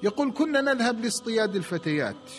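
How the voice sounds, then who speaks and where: A man narrating a dramatic religious repentance story, swinging from hushed tones to loud cries. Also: high-pitched, very animated, quick pace, faint music behind.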